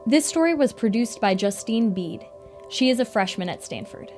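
A woman host giving scripted introductions between segments of an audio program in a smooth read. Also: fairly high pitch, animated, normal speed, a little mellow, soft background music. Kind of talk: scripted radio hosting.

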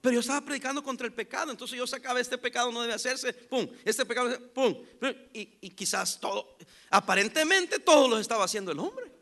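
A man preaching a sermon as pastor, telling stories with acted-out dialogue and loud emphatic bursts. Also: extremely high pitch, a little fast.

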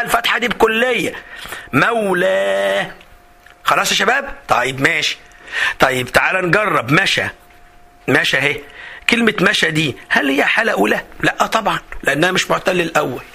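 A man with an Egyptian accent teaching an exam review lesson in a lively, chatty way, acting out student questions. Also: high voice, husky. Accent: Egyptian Arabic. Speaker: Arabic teacher.

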